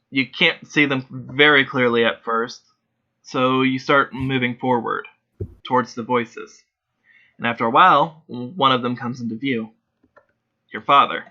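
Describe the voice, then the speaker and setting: A man narrating a tabletop role-play as game master in a steady, descriptive storytelling manner. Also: medium pitch, highs cut off.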